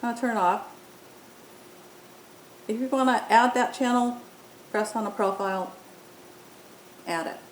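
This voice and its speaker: Unhurried and pausing often, a woman narrates an informal software walkthrough, explaining an app one step at a time. Her audio carries a roomy echo along with faint rumbling noise.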